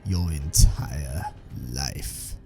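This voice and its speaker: A man voicing a menacing old male Sith emperor who speaks slowly and in a low voice, goading his enemy. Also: warm tone, faint music behind, heavily acted.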